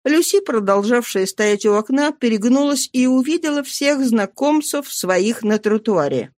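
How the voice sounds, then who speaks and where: A woman's voice: on the high side, expressive, measured pace, a little mellow, no room sound, clean studio sound. Woman reading a classic novel. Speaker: audiobook reader. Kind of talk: audiobook narration of a classic novel.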